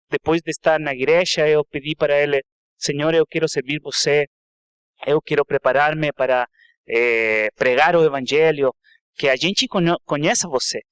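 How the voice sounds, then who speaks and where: A man's voice: a little high, smooth, dry recording. Man, native Spanish speaker, Spanish-accented Portuguese, church testimony, hesitant phrasing, clean resonant tone, dry sound. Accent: foreign Spanish-speaking accent in Portuguese. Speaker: guest missionary speaker and theology student.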